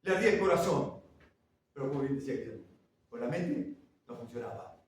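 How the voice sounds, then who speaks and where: A man preaching a sermon, swinging between loud, urgent lines and hushed ones and putting questions to the congregation. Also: medium pitch, expressive, a little fast. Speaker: pastor. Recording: very echoey church, from far off.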